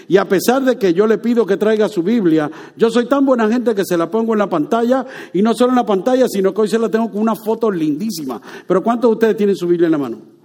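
A man preaching a lively sermon, joking with and quizzing his congregation. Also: high voice. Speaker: pastor.

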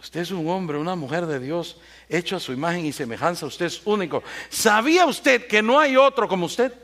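Animated, high-pitched pastor. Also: male voice, a little fast. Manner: animated storyteller, asks the congregation for assent. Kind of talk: sermon.

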